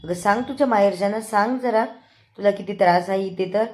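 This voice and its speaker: A woman's voice: mid-range voice, brisk, voice pushed up, close to an everyday voice. A woman doing a meddling gossipy aunt. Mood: gossiping. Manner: loud, stirring up trouble.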